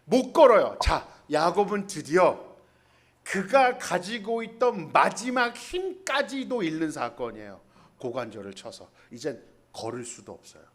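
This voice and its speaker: A man's high-pitched, sing-song voice carries an unhurried storytelling sermon at a church in Hanoi. The pastor keeps it casual and funny, acting out each character's lines in their own voice.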